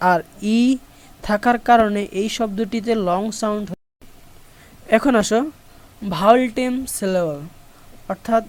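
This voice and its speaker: A woman's voice: on the high side, a little mellow, smooth. Bangladeshi woman teaching English syllables. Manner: explains step by step, repeating examples. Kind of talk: online English lesson.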